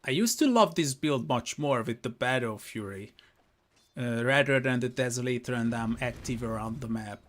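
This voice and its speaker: A man calls a live esports match on his own in a mid-pitched, everyday voice. He keeps it chatty and addresses his viewers directly, often stopping to correct himself mid-sentence. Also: animated, moderate pace. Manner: chatty, self-correcting, talks straight to viewers. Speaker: esports caster. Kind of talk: live game commentary.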